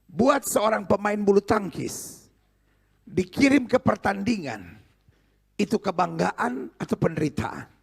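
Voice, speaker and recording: A man's voice: sits high, gravelly, slightly rough. A middle-aged male pastor preaching a sermon, joking with the congregation and calling for responses.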